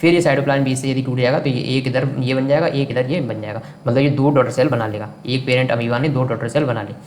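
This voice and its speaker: Man, science teacher, rapid delivery, asks and answers his own questions, roomy echo, faint hiss. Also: mid-range voice, steady tone, a little mellow. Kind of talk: classroom science lecture. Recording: echoey room with faint background noise.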